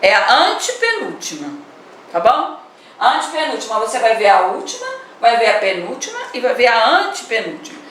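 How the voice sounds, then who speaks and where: A woman's voice: on the high side, sing-song, fairly quick, a bit bright. A woman teacher with a Brazilian Portuguese accent giving an online class, explaining patiently and often adding a questioning "né?". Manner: explanatory, repeats words and adds "né?". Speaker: primary school teacher. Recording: echoey room, voice from a distance, faint noise.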